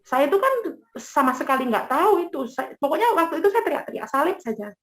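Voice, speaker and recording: A woman giving an emotional personal testimony to an interviewer, telling her story in a lively way and acting out what others said. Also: high voice, fast, reverberant. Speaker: guest giving a conversion testimony.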